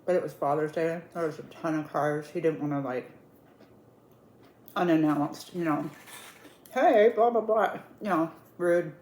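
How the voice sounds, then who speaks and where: A woman's voice: low voice, fairly even intonation, normal speed, a little mellow. A woman telling a story in a casual, conversational way, dramatically retelling who said what and repeating words for emphasis. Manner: dramatic retelling, acting out quoted dialogue. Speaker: online storyteller in an eat-with-me video. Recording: roomy echo with clear background noise.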